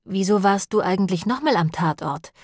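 A woman's voice: medium pitch, animated, moderate pace, a little mellow, husky, no room sound, studio quality. A woman reading the lines of a nervous, whining priest in an audiobook, plaintive and fretful in tone. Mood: agitated. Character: nervous, whining long-nosed priest man.

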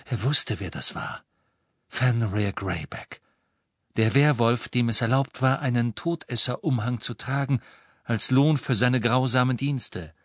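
A man reading an audiobook as narrator, telling the story in a measured, dramatic way. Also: mid-range voice, no echo, clean studio sound. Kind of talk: scripted narration.

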